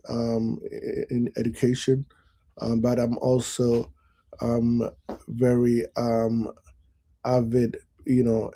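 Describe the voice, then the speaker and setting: A man from Ghana, a professor answering interview questions in a measured way with many pauses and ums. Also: medium pitch, creaky, warm tone, slightly rough, low-quality recording. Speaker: guest professor.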